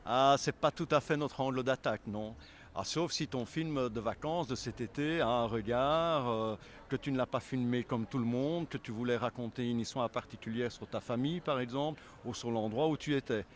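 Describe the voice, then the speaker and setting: Faint background city noise accompanies a medium-pitched man speaking at normal speed. A member of a film selection association, he gives explanatory, conversational interview answers and keeps rephrasing as he talks.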